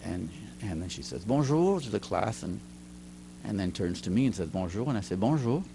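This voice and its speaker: A middle-aged man, a teacher and writer, speaks fairly quickly in a low voice with vocal fry, over background noise, during a casual storytelling interview in a recording studio. As a guest, he's talkative, laughs frequently, and acts out the lines he quotes.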